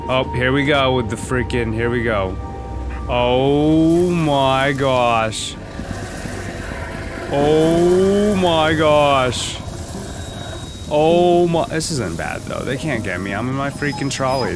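A man's voice: mid-range voice, normal speed. A young man giving casual, sweary let's-play commentary, often repeating phrases mockingly, close on a desk microphone. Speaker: gamer commentating on a horror game. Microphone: desk microphone close up, headset on. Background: game music and vehicle noise.

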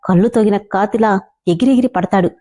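A woman's voice: mid-range voice, brisk, dark tone, lightly acted. A woman voicing a sulky young woman who grumbles to herself.

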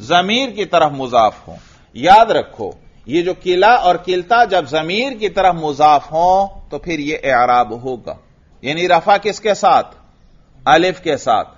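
A man with a Pakistani Urdu accent delivers a grammar lecture in a fairly high voice. He drills his class with questions he answers himself and recites Arabic examples slowly. The recording is dull and lo-fi. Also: animated.

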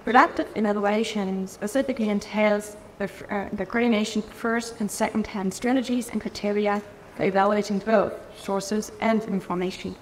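This keynote lecture comes from a German woman at a lectern in a large, echoing conference hall, where she presents a research framework. Her mid-range voice holds a steady tone at normal speed with hardly any pauses, though she is careful and often restarts phrases with fillers. Slight background noise and faint ambience come through the lectern mic.

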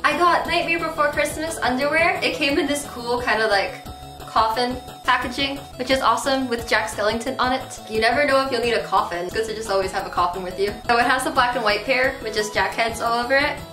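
With music playing behind her, a bubbly young woman rambles briskly through a casual haul video, full of "like" and "really." She's a little sick with a slightly deep voice, and a camera mic across her bare-walled small bedroom catches her sounding roomy and somewhat far off.

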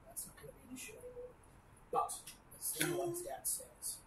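A woman voicing a gruff middle-aged man who commands raiders in a controlled, firm, hushed way in a tabletop game. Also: very high voice, expressive, moderate pace, voice pushed up. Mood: quiet, conspiratorial. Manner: controlled, firm, keeping the volume down. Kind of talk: tabletop game role-play. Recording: roomy echo, clear background noise.

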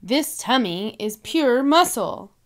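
A woman's voice: fairly high pitch, expressive, takes it slowly. Woman doing a jolly father pig. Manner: chuckling, good-humored.

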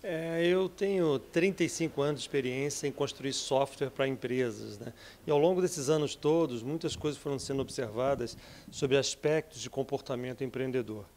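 A Brazilian entrepreneur in his fifties giving an energetic, persuasive interview in an office, speaking into a handheld mic. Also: mid-range voice, moderate pace, slight background noise. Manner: energetic, persuasive, frequent tag questions. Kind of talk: interview answers. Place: office with bookshelves, indoors.

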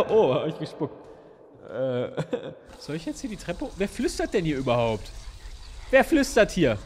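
A man's voice: fairly high pitch, huge pitch swings, measured pace, slight background noise. A man commentating a horror game in a let's-play, jumpy and jokey, yelping and exclaiming often. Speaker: gamer. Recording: voice over game music.

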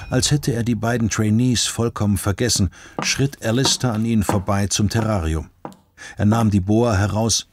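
Low-voiced man narrating an audiobook.

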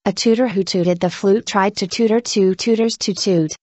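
A woman reading scripted tongue twisters aloud with careful, deliberate articulation. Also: mid-range voice, fairly even intonation, darkish tone, dry recording.

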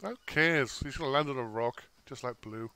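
A man with a very bright, sharp voice, joking and swearing as he plays a co-op military game. He breaks into slow, clipped radio calls now and then, at a mid pitch. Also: clear, resonant tone, no room sound. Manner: joking, swears, laughs a lot. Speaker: player.

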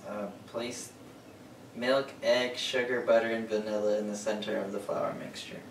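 A young man with a somewhat low voice calls out recipe steps and teases his friend a little. He is recorded from a camera across an echoey kitchen, with noise in the background. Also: little pitch movement, moderate pace, recorded from a distance. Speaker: cooking helper. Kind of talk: casual chat, reading recipe steps. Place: home kitchen.

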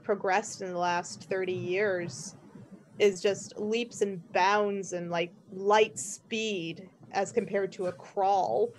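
A woman's voice: medium pitch, steady tone, takes it slowly, a little hiss or hum. A woman hosting a podcast, chatting casually, rambling with frequent laughs and restarts. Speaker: podcast host. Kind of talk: casual chat.

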